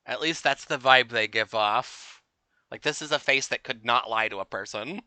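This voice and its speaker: A man's voice: medium pitch, normal speed, sharp tone, dry recording. A man narrating a tabletop game as game master in a laid-back way.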